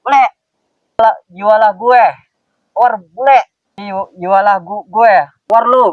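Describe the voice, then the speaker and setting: A foul-mouthed thug boss, acted by a man, keeps barking threats in a raised, high voice. The sound is dry, with no room around it. It is also dull and lo-fi. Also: slow, no room sound. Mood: furious shouting. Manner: shouts crude insults and repeated threats. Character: hot-headed adult male thug boss.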